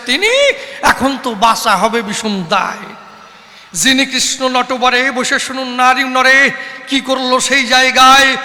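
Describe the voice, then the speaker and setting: A man's voice: very high voice, sharp tone, long reverb tail. A man from West Bengal performing kobi gaan, chanting and calling out to the audience in a sing-song, declaiming way. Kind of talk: sung and declaimed folk debate poetry.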